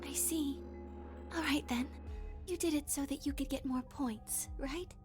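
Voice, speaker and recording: A gentle young woman in a game, speaking very high and unhurried. Her words come out soft and hesitant. Music plays under her voice. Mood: resigned.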